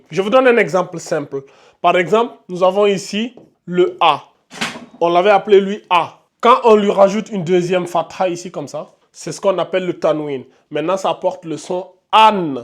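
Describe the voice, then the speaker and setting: Man drilling Arabic letter sounds. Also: sits high. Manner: drills sounds aloud, stressing letter names; addresses viewers directly, frequent checks. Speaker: Arabic teacher. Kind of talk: whiteboard lesson.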